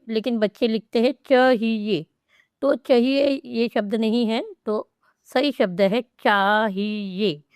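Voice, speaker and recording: A woman teacher walks through a spelling lesson, breaking each word into its parts at a very unhurried pace. Her voice sits a little high and sounds smooth and clear. The recording is close and dry. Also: no echo. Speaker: Hindi teacher.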